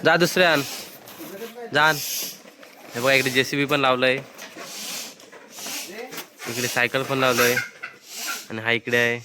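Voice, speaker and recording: A man's voice: medium pitch, fairly even intonation, unhurried, pauses often, noisy background. Chatty man narrating a birthday vlog. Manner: chatty, playful, keeps pointing things out to viewers. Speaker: vlogger showing birthday preparations.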